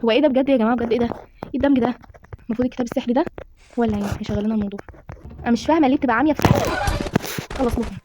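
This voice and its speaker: Fast-talking Egyptian woman gamer. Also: a little high, dull audio, a little hiss or hum. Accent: Egyptian Arabic. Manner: excitable, dramatic exclamations to viewers. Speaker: gaming streamer. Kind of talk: horror game commentary.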